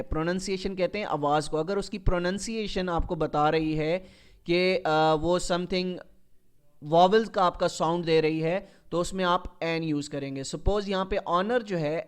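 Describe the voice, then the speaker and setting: A man teaching a grammar lesson in a fairly high, smooth voice. He asks questions and then answers them himself, going over each rule more than once. When he reads English example sentences, he says them slowly and carefully. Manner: explains slowly, repeats rules, asks and answers his own questions. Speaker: English teacher for exam candidates. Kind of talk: recorded classroom lecture.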